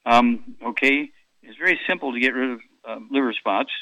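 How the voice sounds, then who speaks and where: A man's voice: medium pitch, normal speed, pushed and bright, no echo, lo-fi sound. A man in his eighties hosting a call-in radio health show, rambling through product doses with many fillers and repeats. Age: 80s.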